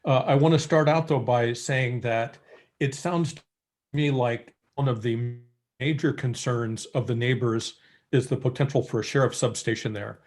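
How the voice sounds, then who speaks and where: A man on a group video call, a commission member giving measured remarks at a public meeting, with frequent filler pauses. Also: medium pitch. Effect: heard over a group video call.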